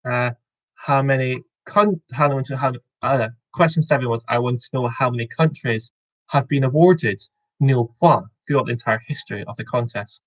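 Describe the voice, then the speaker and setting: Muffled audio captures a Scottish quiz host in his twenties running a casual quiz on a video call. He speaks in a mid-range voice at a moderate pace, meandering, fixing his own slips and keeping a jokey tone.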